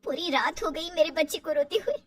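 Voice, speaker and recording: A woman's voice: animated, moderate pace, bright, forceful tone, full character voice. A woman voicing an anxious, defiant young mother and daughter-in-law who pleads in a raised, upset voice in a storybook tale. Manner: high-pitched, pleading, upset.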